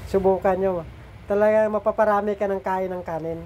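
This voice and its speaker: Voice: medium pitch, fairly even intonation, brisk, highs cut off, a little hiss or hum. A middle-aged food vlogger with a slightly nasal voice, chatting casually to viewers while eating and cooking, often turning to them for agreement.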